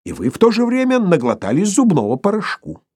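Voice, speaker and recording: A man's voice: mid-range voice, sing-song, normal speed, a little mellow, slightly rough, dry recording, studio quality, pitched above the performer's own voice. A man voicing an older male professor, imperious and irate, lecturing in a thundering way. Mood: furious.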